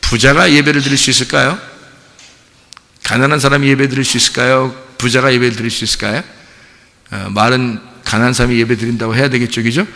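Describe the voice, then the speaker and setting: A man's voice: mid-range voice, flat delivery, fast, bright, forceful tone, long reverb tail. A male pastor giving a conversational sermon, acting out little dialogues with God in different voices. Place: church sanctuary.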